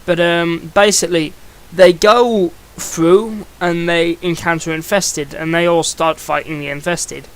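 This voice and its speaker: A young man talks through a review in a casual, rambling way, often restarting his sentences. His voice sits a little high for a man and sounds smooth and clear. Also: fairly even intonation, measured pace, few pauses, a bit bright. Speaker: comic book reviewer.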